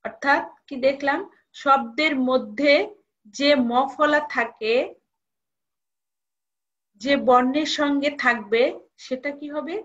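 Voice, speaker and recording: A woman's voice: sits high, fairly even intonation, slow pace, long pauses, fairly bright tone, dull audio. A woman college lecturer giving a recorded lesson, repeating each rule and asking students questions.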